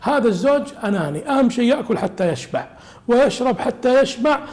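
A sheikh gives a religious lesson explaining a classical text, talking quickly in a high voice and keeping things lively with humorous asides.

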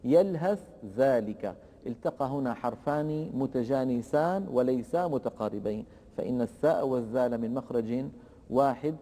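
A man teaching Quran recitation rules, explaining slowly and deliberately and chanting the verse examples in a drawn-out way. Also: mid-range voice, warm tone, long reverb tail. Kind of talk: tajweed lesson with recited examples.

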